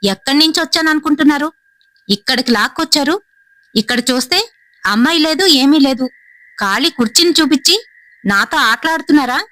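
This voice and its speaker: A woman's voice: a little high, normal speed, no room sound, close to an everyday voice. Woman doing a furious gang boss man. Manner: scolding, shouting. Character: angry male gang boss, short-tempered.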